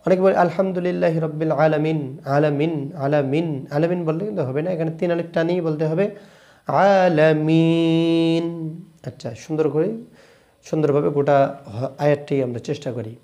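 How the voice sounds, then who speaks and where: A man with a Bangladeshi Bengali accent teaching correct Quran pronunciation, switching between brisk explanations and slow, drawn-out chanted recitation. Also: on the high side, fairly even intonation, dark tone. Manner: alternates quick explanations with slow drawn-out chanted Arabic phrases.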